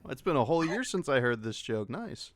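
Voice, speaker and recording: On an online panel held over a voice call, a man who directs dubs as a voice actor speaks casually, with a sing-song, mid-range voice that runs a little fast. He explains things with joking asides, and the recording is dry.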